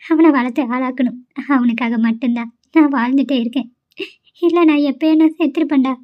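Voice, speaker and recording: A woman voicing a kind young widowed mother in an amateur cartoon, soft and affectionate. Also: high-pitched, brisk, lightly acted. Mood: sorrowful. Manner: soft, affectionate with the child, tearful about her loss. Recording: lo-fi home recording.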